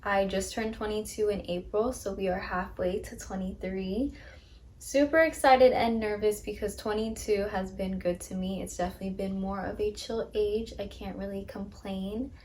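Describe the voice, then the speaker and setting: A woman's voice: medium pitch, steady tone, moderate pace, a little mellow. A woman in her twenties chatting casually about herself, upbeat and full of ums, recorded on a phone. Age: 20s. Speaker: podcast host. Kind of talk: casual get-to-know-me chat. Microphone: phone camera.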